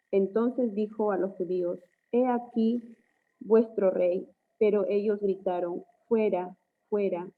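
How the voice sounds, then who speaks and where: A woman's voice: medium pitch, narrow, tinny audio. A woman from the congregation reading a Bible passage aloud, with small stumbles and self-corrections. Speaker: church member reading scripture.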